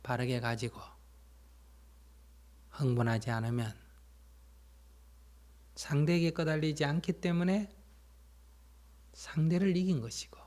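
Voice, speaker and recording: A man, a Buddhist monk, giving a dharma talk that explains and tells stories, sometimes asking his listeners questions and dropping to a soft, whispery emphasis. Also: fairly high pitch, measured pace, pauses often. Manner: plain explanatory storytelling, asks listeners questions.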